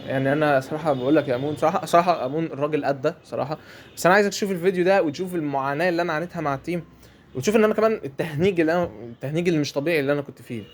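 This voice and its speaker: A man's voice: fairly high pitch, rapid-fire, a little hiss or hum. A man with an Egyptian Arabic accent giving chatty commentary over a mobile game match, often repeating his phrases. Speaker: gameplay commentator.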